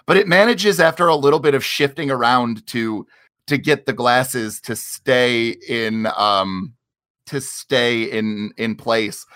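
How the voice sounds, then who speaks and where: Unhurried, halting man running a game. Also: mid-range voice, fairly bright tone. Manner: hesitant, many restarts. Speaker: game master. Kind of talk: narrating a tabletop game.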